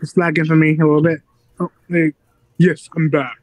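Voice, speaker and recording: A man's voice: a little high, flat delivery, normal speed, no echo, poor audio. A man talking casually as an amateur fan dubber. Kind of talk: casual amateur dub chat.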